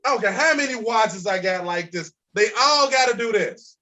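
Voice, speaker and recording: A man's voice: sits high, normal speed. A man in his forties from Chicago, an insurance broker guest talking casually and emphatically on a podcast, swearing freely. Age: 40s. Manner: emphatic, profane, animated storytelling.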